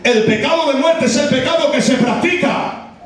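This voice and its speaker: A man preaching a sermon, impassioned and building to shouts with repeated phrases. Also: very high voice, moderate pace. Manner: impassioned, rising to shouted, repetitive emphasis. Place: church hall. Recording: very echoey church hall, mic far off.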